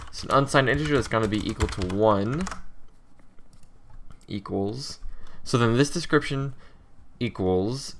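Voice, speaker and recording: A young man, just up from a nap and still a little drowsy, talks his way through writing code. His voice sits fairly low, and he speaks in halting bits, often stopping to correct himself. Keyboard typing clicks away behind him at his desk mic. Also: slight background noise. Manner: thinks aloud, self-correcting, halting with many pauses. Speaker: game developer coding tutorial host. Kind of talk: casual screen-recorded coding commentary.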